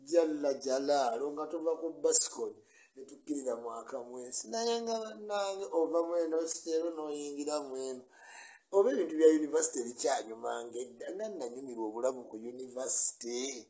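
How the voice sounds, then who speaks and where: A man's voice: a little high, fairly quick, warm tone, poor audio. An older man from Uganda chatting on a live stream in a small room, greeting viewers by name and laughing often, recorded on a webcam in front of him. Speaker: vlogger. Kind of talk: casual live-stream chat. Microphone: webcam or phone in front.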